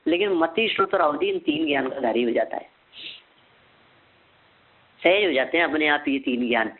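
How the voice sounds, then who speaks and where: A man teaching a scripture lesson, asking and answering his own questions and repeating key terms slowly so they can be memorized. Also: on the high side, animated. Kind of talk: scripture lecture. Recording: phone-like narrow sound.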